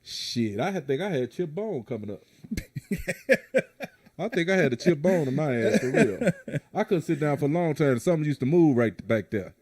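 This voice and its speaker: A middle-aged man hosting a podcast, telling profane, animated stories in casual banter. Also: a little high, normal speed. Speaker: podcast host.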